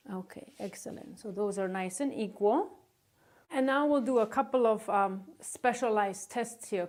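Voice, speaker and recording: A nursing instructor demonstrates a clinical exam, giving her patient polite step-by-step directions and short words of encouragement. Her voice is fairly high with a somewhat dark tone.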